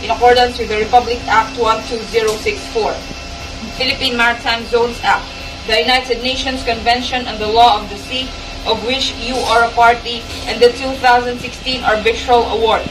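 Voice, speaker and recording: A woman's voice: on the high side, noisy background. A woman coast guard radio operator delivering a formal, firm challenge over a marine radio transmission. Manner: firm, measured, steady delivery. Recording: distant echoey radio audio under news music.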